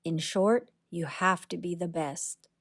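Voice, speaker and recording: Her voice fairly low in pitch, a woman reads aloud from a rhyming children's picture book with deliberate, expressive storytelling.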